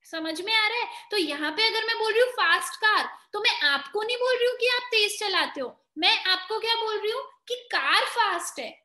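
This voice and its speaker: A woman's voice: extremely high pitch, expressive, moderate pace, few pauses, pushed and bright, roomy sound. A woman with an Indian accent teaching grammar in an online exam-prep lesson, explaining step by step and quizzing her students. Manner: explains in mixed Hindi and English, quizzing students.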